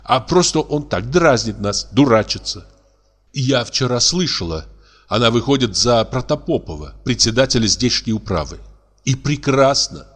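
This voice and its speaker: Guy doing a sharp-tongued young woman, drawly and catty, one-man audiobook play. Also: medium pitch, animated, moderate pace. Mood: scornful.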